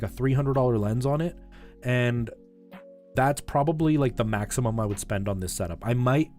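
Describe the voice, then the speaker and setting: This streamer's voice sits at medium pitch and is a little mellow. He talks casually with viewers, explains things in a conversational way, and checks in with them often while music plays behind him.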